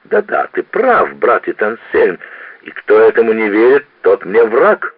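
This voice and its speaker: A man's voice: lowish voice, wildly swooping pitch, measured pace, creaky, husky, dry recording, voice pushed up, full character voice. A man voicing a boisterous, combative male official who blusters, on a tinny old radio recording. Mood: blustering.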